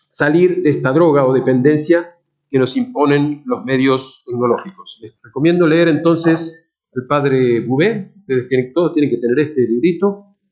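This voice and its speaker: A man lectures as a priest, his fairly high voice rising and falling widely as he stresses key words. He talks informally, restarting phrases and tossing in tag questions to the listeners. The recording is dull and lo-fi. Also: darkish tone. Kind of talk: spoken moral lecture to a congregation.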